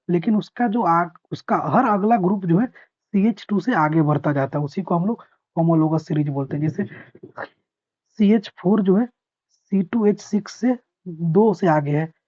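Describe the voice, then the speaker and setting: A man teaching a chemistry revision class. He explains patiently, repeats key points, reads English definitions slowly and asks his students whether they understood. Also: sits high, mellow. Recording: dull lo-fi recording.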